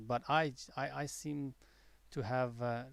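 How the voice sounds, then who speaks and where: Stream host, male, mixed American and British accent, gravelly voice, dry close sound, rambling and chatty. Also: mid-range voice, steady tone, takes it slowly, no echo. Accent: mixed accent, partly American-tinged English learned abroad, softened by years in the UK. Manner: chatty and rambling, with many fillers and restarts. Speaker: day-trading livestream host. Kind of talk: casual live trading commentary.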